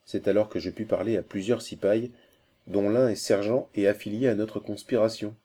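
A man's voice: lowish voice, fairly even intonation, normal speed, warm tone, natural voice. A man reading aloud and voicing an Indian messenger, a fierce conspirator full of urgency and hatred for his enemies. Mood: scornful report. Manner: urgent, scornful, savage laughter.

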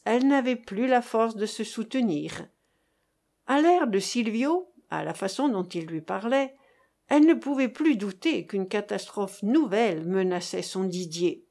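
A woman reading a classic novel aloud as an audiobook narrator, in an expressive, dramatic way. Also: mid-range voice, measured pace.

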